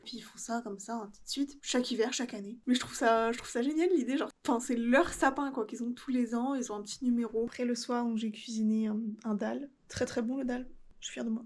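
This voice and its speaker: A woman's voice: fairly high pitch, a little mellow, slight background noise. A young woman from France talking candidly to her camera on a travel vlog, chatty and a little nervous, recorded on a handheld camera. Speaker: travel vlogger. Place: on the road, partly outdoors.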